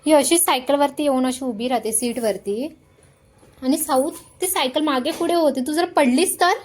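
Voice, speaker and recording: A woman's voice: high-pitched, normal speed, a little mellow. A young woman chatting casually to camera in her home kitchen while coaxing her toddler. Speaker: vlogger and mother. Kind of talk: casual home vlog chat.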